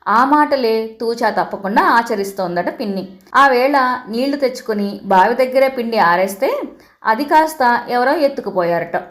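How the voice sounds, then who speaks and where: A woman narrating a humorous short story in the first person, in a calm, even storytelling manner. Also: a little high, moderate pace.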